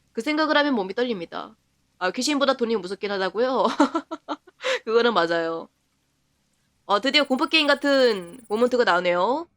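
A woman's voice: a little high, fairly bright tone. A woman streamer giving live commentary on a game, chatting to herself and laughing often. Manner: reacts to the game with quick surprised remarks.

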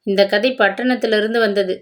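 A woman's voice: mid-range voice, steady tone, normal speed, natural voice. A woman voicing a hurt, defiant young educated wife who speaks bitterly to her husband. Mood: accusing. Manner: bitter, accusing.

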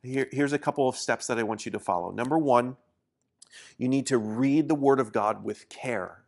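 With a creaky, medium-pitched voice at a moderate pace, this Indonesian-raised pastor in his forties delivers a sermon to the camera in a small studio. His tone is earnest and encouraging, though he frequently starts his sentences over.

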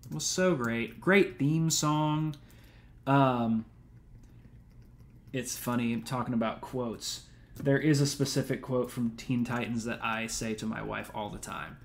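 With a gravelly, mid-range voice at a measured pace, this twenty-something streamer chats loosely over his live gameplay. The commentary wanders, easygoing and sprinkled with "um" and slang such as "dude" and "man."

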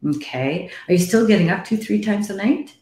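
Hosting a live-stream chat, this medium in her fifties talks to her guest bluntly, with swearing and plenty of "sweetie." She has a medium-pitched, dark, expressive voice at a moderate pace, and the room gives an echo.

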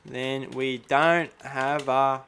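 Reacting to a chatbot as a comedy host, this Australian man in his twenties gives a full character voice of a cocky, combative eshay lout, thick with eshay slang and "bah" tacked onto sentences. His medium-pitched voice is creaky yet smooth and fairly bright, with fairly even intonation, drawn-out words, and a cocky, casual mood. It's captured on a close boom-arm studio mic in a small room at home.

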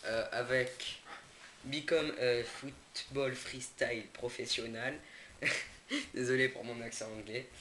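A man's voice: medium pitch, pushed and bright. A young man casually unboxing products for his channel, hesitant with many fillers and self-corrections, indoors away from home. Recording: echoey room, noisy background. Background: crinkling packaging and clicks.

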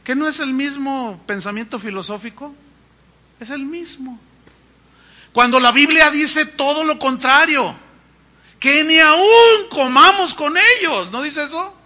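A man's voice: very high voice, measured pace, bright, forceful tone. A male pastor preaching a sermon, exhorting emphatically with rhetorical questions. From Mexico.

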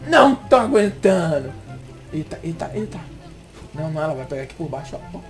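A young man gives gameplay commentary. He is excitable and swings from muttering to shouted outbursts. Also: fairly high pitch, fast, soft background music. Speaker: gaming video host.

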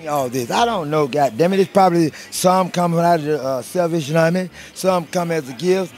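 Loud, taunting man, high voice. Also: brisk. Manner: loud, profane, sing-song taunting. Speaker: passerby being interviewed. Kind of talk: street interview.

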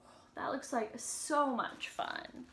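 In a home room with an upright piano, a young adult woman reads a picture book to small children, asking simple questions and exaggerating her emphasis as she reads expressively. She speaks slowly in a high voice with a sharp tone.

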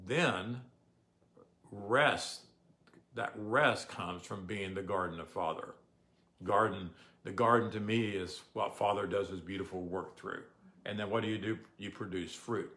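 An older man giving a relaxed, conversational sermon, often asking the audience questions. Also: fairly low pitch. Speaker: pastor. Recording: echoey room.

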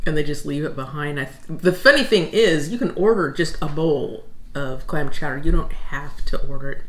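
A woman's voice: sits low, moderate pace, echoey room. A middle-aged woman co-hosting a food tasting, chatting casually and reflectively at a table at home. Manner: chatty, reflective, recalls details. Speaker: food channel co-host. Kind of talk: casual taste-test chat. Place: dining room at home, seated at a table.

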